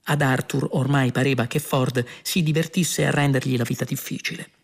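A man narrating an audiobook in a measured, wry manner. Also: mid-range voice, fairly even intonation, creaky.

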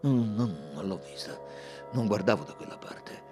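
A man reading an audiobook, voicing a stiff, gruff older British army colonel who talks in clipped, grumbling, hesitant phrases. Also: low-pitched, lively intonation, measured pace, over music.

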